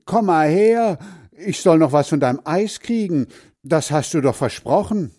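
Storybook boy, eager, loud calls, man reading. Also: on the high side, animated, unhurried, voice pushed up. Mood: shouting. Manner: calling out loudly. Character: small boy, eager and impatient. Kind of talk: storybook character voice.

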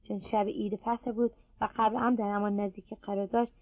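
A woman reading scripture aloud in a steady, measured voice. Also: medium pitch, no room sound, narrow, tinny audio. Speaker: scripture reader.

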